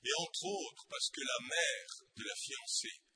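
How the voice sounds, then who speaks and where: A man's voice: slow pace, pushed and bright. A man preaching a sermon, impassioned and full of rhetorical questions.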